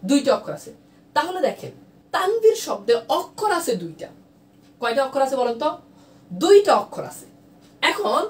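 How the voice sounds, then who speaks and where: High-pitched woman teaching in an echoey room. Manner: repetitive, drilling questions to students. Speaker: grammar teacher. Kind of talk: live online class. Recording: echoey room, distant mic, faint noise.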